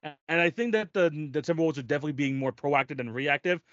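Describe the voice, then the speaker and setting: A man's voice: a little high, fast talker, a bit bright, no echo, dull audio. A man co-hosting a sports podcast, talking in casual chat with emphatic, restarting sentences. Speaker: podcast co-host.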